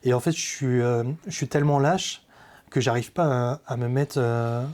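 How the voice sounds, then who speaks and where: A man giving a personal faith testimony in a podcast conversation, speaking earnestly and haltingly, with many hesitations. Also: medium pitch, a little mellow. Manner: earnest, confessional.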